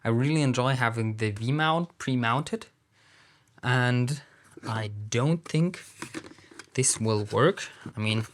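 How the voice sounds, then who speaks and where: A man with a German accent giving casual unboxing commentary, thinking aloud in halting phrases as he handles gear. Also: medium pitch, a little hiss or hum. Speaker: product reviewer.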